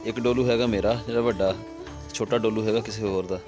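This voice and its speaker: A man's voice: fairly low pitch, fairly even intonation, quick pace, over music. A young man with a Pakistani Punjabi accent, chatting and explaining as he goes in a casual village vlog. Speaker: village vlogger.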